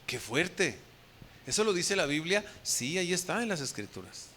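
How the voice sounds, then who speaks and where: A man's voice: a little high, sing-song, moderate pace, bright, forceful tone, slight background noise. A man preaching a sermon as a pastor, asking the congregation direct questions and acting out the quoted speech of the people in his story.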